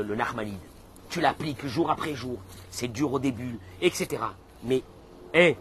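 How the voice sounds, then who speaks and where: A man, a rabbi, giving a lively sermon that talks straight to his listeners and mixes in Hebrew terms. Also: medium pitch, slight background noise. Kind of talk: animated sermon.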